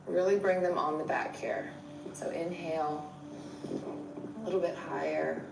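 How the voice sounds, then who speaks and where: This yoga instructor's voice sits low and steady, slightly slow and creaky, as she gives encouraging cues one step at a time. Her distant mic picks up an echoey room, background music and noticeable noise.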